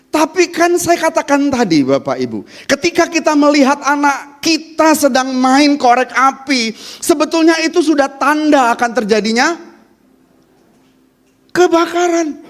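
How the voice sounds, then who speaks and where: A man's voice: extremely high pitch, lively intonation, moderate pace. A male pastor delivers a sermon at a Sunday service, his voice swinging widely up and down as he preaches. He talks directly to the congregation and keeps throwing rhetorical questions at them. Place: church during a Sunday service.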